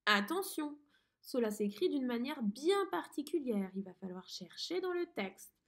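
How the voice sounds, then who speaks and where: A woman teaching a dictation lesson to a young pupil, pronouncing each word slowly and clearly. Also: high-pitched, animated. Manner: slow, clearly articulated teacher talk to a child. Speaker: primary school teacher.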